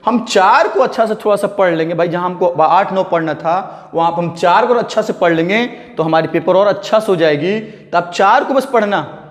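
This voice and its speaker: Young male teacher, high voice, coaxing, self-answering questions, reverberant hall. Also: moderate pace. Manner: coaxing, asks and answers his own questions; mixes English words into speech. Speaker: exam prep teacher. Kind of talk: casual spoken lesson.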